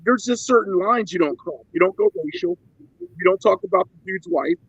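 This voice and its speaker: A man's voice: high voice, animated, normal speed, a bit bright, husky, no room sound. A man on a casual sports podcast, giving blunt, opinionated takes. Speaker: podcast co-host. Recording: dull lo-fi dry sound.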